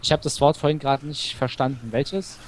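Male gamer co-host, deadpan jokes, thinks out loud while playing, soft game sounds behind. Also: medium pitch, normal speed, slight background noise. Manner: dry joking, talks through game choices. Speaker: gaming co-host. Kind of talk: casual let's-play chat.

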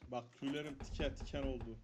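A man's voice: medium pitch, fairly even intonation, quick pace. A man commenting on a horror game as he plays, jumpy and swearing, muttering prayers under his breath when scared. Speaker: gaming streamer. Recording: dull lo-fi mic with faint noise.

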